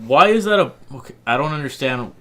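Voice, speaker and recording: A man's voice: a little high, animated, fast, pushed and bright. A young man co-hosting a podcast in casual chat, blunt and argumentative, swearing freely. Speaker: podcast co-host.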